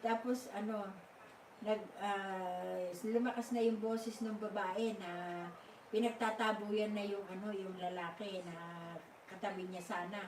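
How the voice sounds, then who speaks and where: An older woman tells a story in a slow, halting way, stopping often to search for words. Her voice sounds distant from the mic, in an echoey room with faint ambience behind her. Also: mid-range voice, level tone, a little hiss or hum. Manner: halting, many fillers and restarts. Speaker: live stream host. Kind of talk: casual storytelling.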